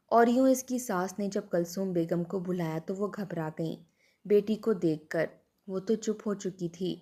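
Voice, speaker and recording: Mellow woman narrating a dramatic story. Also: medium pitch. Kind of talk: scripted emotional story narration.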